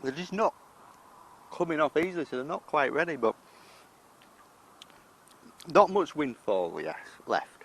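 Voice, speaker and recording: A man's voice: fairly high pitch, big pitch swings, measured pace, pauses often, a bit bright, slight background noise. A British man talking casually as he walks round his allotment garden, chatty and self-deprecating. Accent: British English. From United Kingdom. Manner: chatty, self-deprecating, talks while eating. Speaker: allotment vlogger. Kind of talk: casual garden vlog walk-through.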